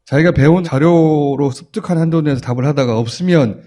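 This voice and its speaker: A man's voice: a little high, a little fast, mellow. A man hosting a talk show, joking and restating his guest's points in casual conversation.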